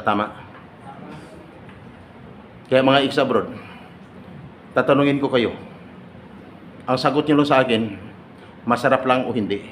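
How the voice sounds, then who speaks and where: Guy joking around at a seminar, laughs a lot, echoey room, loud crowd noise behind. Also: medium pitch. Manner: teasing, laughing often, quizzing the crowd. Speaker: seminar speaker for overseas workers. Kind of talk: joking seminar talk to a live audience.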